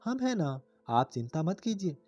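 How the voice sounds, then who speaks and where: A man voicing a gentle, loving young father in a family story. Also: a little high, sing-song, unhurried, no room sound, lo-fi sound, voice pushed up. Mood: tender.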